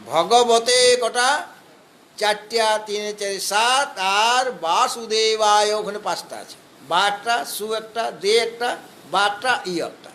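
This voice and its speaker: A man with a Bengali accent giving a scripture discourse, explaining step by step, chanting Sanskrit verses slowly and asking rhetorical questions. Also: sits high, a bit bright. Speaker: spiritual teacher. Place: hall of a spiritual society.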